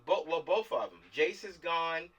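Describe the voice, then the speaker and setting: Leading a script table read over a video call, a filmmaker chats casually and directs the actors, speaking in slang and often repeating himself for emphasis. His voice is a little high, expressive, unhurried, fairly bright, and slightly rough, picked up by a distant mic.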